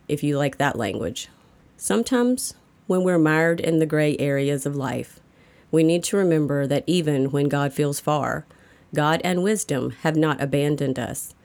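Reading from a script, a woman narrates a daily devotional reflection with a moderate tone and an ordinary pace, though she comes across a little slow. Her low, darkish voice is animated.

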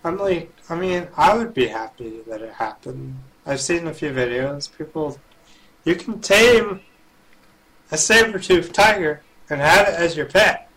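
A man's voice: a little high, lively intonation, a little slow, sharp tone, rough recording. A man co-hosting a gaming podcast in casual, joking chat. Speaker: podcast co-host.

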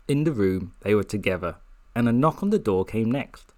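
A man's voice: on the low side, lively intonation, normal speed, a little mellow. A man co-hosting a comedy podcast, reading a steamy story aloud in a playful, giggly, mock-dramatic way.

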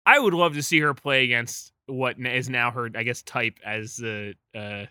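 A man's voice: medium pitch, moderate pace, sharp tone, clean tone, dry recording, clean studio sound. A man co-hosting a podcast in casual chat, joking, laughing often and swearing freely. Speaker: podcast co-host.

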